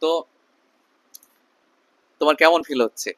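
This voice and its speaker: A man giving an emphatic, repetitive sales pitch as a shopkeeper in a promotional video. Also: a little slow, a bit bright, no room sound. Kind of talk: sales pitch to camera with customer chat.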